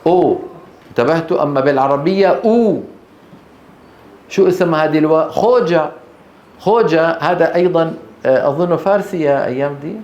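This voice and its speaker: A male teacher speaks, his voice sitting a bit higher than most men's. He lectures a class on recitation rules, stretching out each example word slowly and pausing often to check that the students are following. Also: darkish tone, dull audio.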